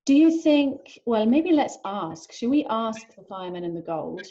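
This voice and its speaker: A woman's voice: on the high side, very animated, normal speed, dark tone. Woman, therapist guiding a session, encouraging questions, muffled recording.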